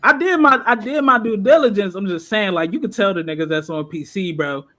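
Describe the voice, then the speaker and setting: A man's voice: high voice, fairly quick, pushed and bright. A man in a casual gaming chat, boastful and playful with trash talk.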